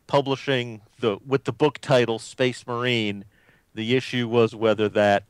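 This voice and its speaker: Smooth-voiced co-host, a man, dry sound. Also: mid-range voice, little pitch movement, measured pace, no room sound. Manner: hesitant, restarting sentences. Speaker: podcast co-host. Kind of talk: casual chat.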